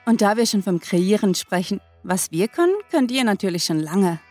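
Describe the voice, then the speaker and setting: A woman's voice: mid-range voice, lively intonation, moderate pace, a little mellow. A woman hosting a podcast, reading a playful scripted announcement full of sailing wordplay. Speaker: podcast host. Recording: faint music behind.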